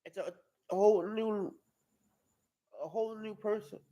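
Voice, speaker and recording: A man in his twenties giving a personal testimony, halting and often repeating and restarting his words. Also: high voice, fairly even intonation, warm tone, poor audio. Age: 20s. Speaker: testimony speaker at a live-streamed outreach.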